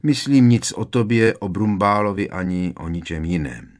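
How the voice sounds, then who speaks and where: A man doing a brisk, bossy schoolgirl. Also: deep voice, lightly acted. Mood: dismissive. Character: clever bossy teenage schoolgirl.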